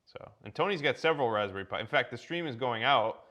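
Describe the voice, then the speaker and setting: A man's voice: medium pitch, expressive, fast, pushed and bright. A man walking viewers through a tech setup on a casual livestream, rambling with many restarts and filler words. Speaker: guest presenter.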